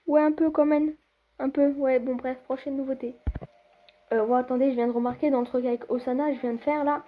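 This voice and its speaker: A woman's voice: sits high, lo-fi sound. A woman giving casual gameplay commentary, chatty and rambling, laughing often, with many fillers and restarts. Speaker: gaming YouTuber.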